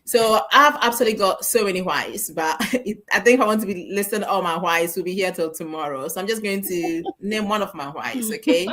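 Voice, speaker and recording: A woman's voice: mid-range voice, brisk, few pauses. A woman from Ghana hosting a live stream, chatting casually and a little emotionally over a video call. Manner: warm, emotional, rambling with laughs.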